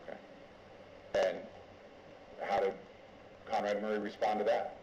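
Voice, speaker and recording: A male lawyer conducts a formal courtroom examination in a deliberate, halting manner. His voice is on the low side. It echoes strongly in the room, and the recording is somewhat dull. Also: level tone, a little mellow, slight background noise. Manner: deliberate, halting step-by-step questioning. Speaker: lawyer questioning a witness.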